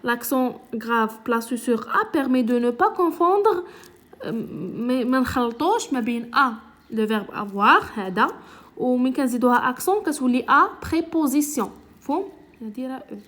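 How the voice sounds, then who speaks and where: Patient Moroccan woman teacher, higher voice. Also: animated, fairly bright tone. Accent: Moroccan Arabic. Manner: patient, repeats words slowly and checks understanding. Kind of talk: classroom lesson explanation.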